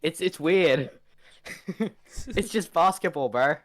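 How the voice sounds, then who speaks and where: A man's voice: on the high side, slow. A young man chatting casually as a podcast co-host, laid-back and stammering at the start of his sentences. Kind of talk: casual chat.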